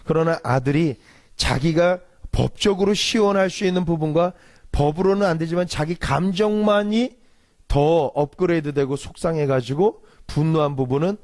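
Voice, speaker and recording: Animated Korean preaching man. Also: on the high side, normal speed. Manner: animated preaching, acts out quarrels in raised voice. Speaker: pastor. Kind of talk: sermon.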